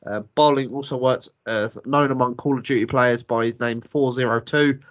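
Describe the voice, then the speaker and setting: A man's voice: mid-range voice, steady tone, normal speed, dry recording. Blunt man hosting a gaming podcast. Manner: blunt, dismissive, laughs often. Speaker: podcast host. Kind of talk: casual gaming podcast chat. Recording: dull, slightly lo-fi, dry sound.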